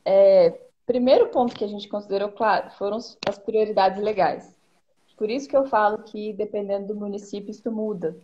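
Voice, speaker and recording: A woman with a Brazilian accent, a policy consultant calmly explaining her points one by one in a live-streamed conversation. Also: medium pitch, moderate pace. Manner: methodical, lays out points one by one. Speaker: education policy consultant, guest. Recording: dull lo-fi stream audio.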